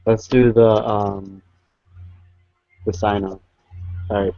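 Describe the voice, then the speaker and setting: A man's voice: on the low side, flat delivery, takes it slowly, mellow, no echo, soft background music. Chill podcast guy, um-ing a lot, muffled lo-fi sound. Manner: laid-back, hesitant, lots of fillers. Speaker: podcast co-host. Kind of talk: casual podcast banter. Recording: dull lo-fi podcast audio.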